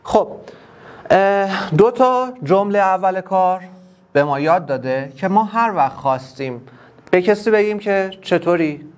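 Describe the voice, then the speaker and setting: A man with a Persian accent teaching an English class online, explaining each word step by step and repeating it slowly. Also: high-pitched, animated.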